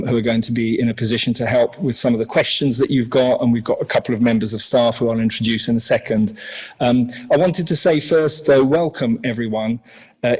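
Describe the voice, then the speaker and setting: A man who heads a university college, giving a measured welcome address from a senate chamber with frequent ums and restarts. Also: mid-range voice, a little mellow. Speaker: head of college, webinar host.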